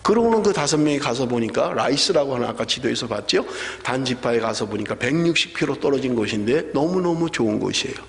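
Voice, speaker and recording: A male pastor preaching a sermon in a church sanctuary, animated and full of rhetorical questions to the congregation. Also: medium pitch, quick pace, vocal fry, few pauses. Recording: long church hall reverb.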